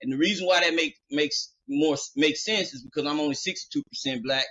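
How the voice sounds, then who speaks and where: A podcast host tells a long story in loose, rambling fashion, full of fillers, animatedly acting out quoted dialogue in casual storytelling. His voice is a little high and fairly quick, and the recording sounds muffled.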